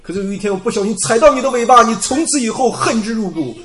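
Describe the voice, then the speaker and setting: Preacher, sermon, animated pitch, impassioned rhetorical style. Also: quick pace, echoey room, soft background music. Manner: impassioned, rhetorical questions to the congregation.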